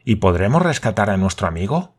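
A man voicing an eager, excitable scholar who asks question after question. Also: on the low side, fairly quick, slightly rough.

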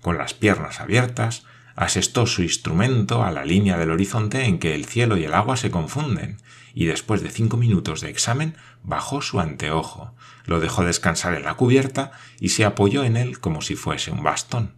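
Man, very low voice, measured audiobook narration, steady delivery. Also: husky.

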